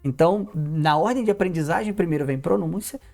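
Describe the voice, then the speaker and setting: A man's voice: on the high side, brisk, creaky, a little mellow, faint music behind. A Brazilian man giving a casual video lesson as an English teacher, emphatic, repeating key words and asking himself questions. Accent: Brazilian Portuguese.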